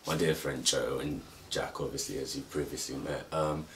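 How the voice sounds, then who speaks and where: A man answering in a hesitant, deadpan joking way, full of ums. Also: very deep voice, moderate pace. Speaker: cast member. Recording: distant mic with faint noise.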